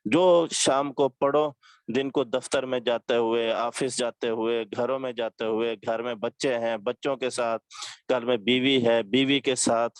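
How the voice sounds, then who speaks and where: A man's voice: medium pitch, fairly even intonation, clean tone, no echo. A man, a religious teacher giving earnest advice to his students and repeating each point. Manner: repetitive, earnest, exhorting.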